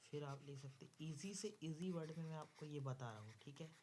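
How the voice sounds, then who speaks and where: A man with an Indian accent teaches an exam lesson, dictating step by step and repeating phrases word by word as he writes. His voice is a little high and darkish, brisk in pace, with slight background noise.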